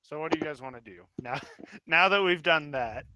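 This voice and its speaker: Male player, playful, bright higher voice, dry close sound. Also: moderate pace, dry recording. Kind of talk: casual tabletop game chat.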